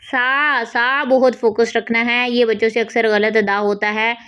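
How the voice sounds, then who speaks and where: A woman's voice: a little high, flat delivery, a bit bright, a little hiss or hum. Patient woman teaching tajweed, lo-fi. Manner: patient, repeats "theek hai" between drawn-out demonstrations. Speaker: Quran recitation teacher. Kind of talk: tajweed lesson with demonstrations. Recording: dull lo-fi audio.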